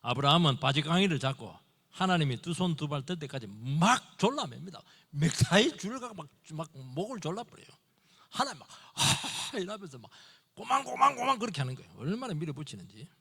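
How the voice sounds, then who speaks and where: A middle-aged man preaches a Sunday sermon in a church, his voice swinging widely as he acts out little dialogues in quick bursts. It sits a little high for a man. Long reverb from the sanctuary trails every phrase. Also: breathy edge. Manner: animated preaching, acting out dialogue in short bursts. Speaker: pastor.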